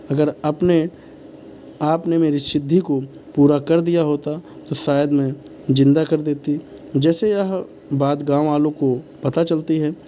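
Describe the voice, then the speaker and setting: Man retelling a crime story, mellow voice. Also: fairly high pitch, a little hiss or hum. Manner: loose unscripted retelling with restarts. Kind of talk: narrated true crime story.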